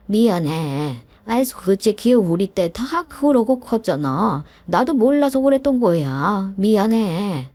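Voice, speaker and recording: A woman's voice: medium pitch, big pitch swings, slow pace, hardly any pauses, warm tone, dry recording. A woman voicing a desperate, groveling middle-aged man who once bullied his classmate, pleading and whiny with many fillers. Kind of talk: story narration with acted dialogue.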